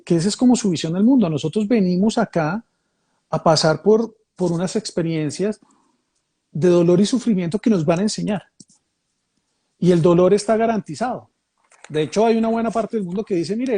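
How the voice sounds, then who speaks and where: Man with a high husky voice. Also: warm tone. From Mexico, raised in Colombia. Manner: thoughtful, repeats key phrases, restarts and rephrases. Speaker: speaker leading a reflective conversation. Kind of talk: reflective conversational explanation.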